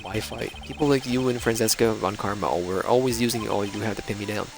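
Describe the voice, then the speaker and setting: A man voicing an earnest, hesitant young male defense lawyer in a game, low-pitched over game music. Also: brisk, creaky. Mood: earnest troubled. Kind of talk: reading game dialogue aloud.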